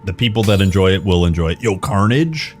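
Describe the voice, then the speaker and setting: A man's voice: sits low, lively intonation, fast talker, darkish tone, slight background noise. A man streaming a game live, chatting casually in an informal, enthusiastic, rambling way.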